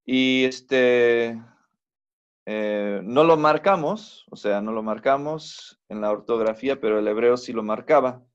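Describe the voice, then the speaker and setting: A man teaching a Biblical Hebrew class, explaining slowly and patiently with many fillers and self-corrections. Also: medium pitch, smooth, highs cut off. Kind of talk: recorded online class lecture.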